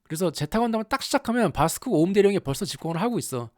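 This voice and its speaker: A commentator telling a story in a casual, animated way, with exaggerated asides and rhetorical questions to the audience. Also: mid-range voice, rapid-fire, dry recording, clean studio sound. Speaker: YouTube anime commentator.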